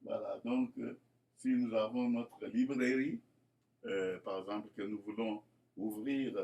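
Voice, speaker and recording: The audio is dull, and this man's fairly low, darkish voice moves unhurriedly with fairly even intonation. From Congo, he founded a school and presents the project to inspectors in a formal, churchly, hesitant way, leaning on many fillers and repeated words.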